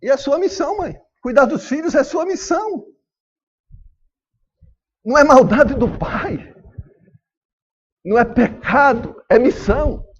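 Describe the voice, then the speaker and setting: A man's voice: very high-pitched, animated, a little slow, pauses often, highs cut off. A man with a Brazilian Portuguese accent preaching a sermon as pastor, acting out family dialogue as he goes.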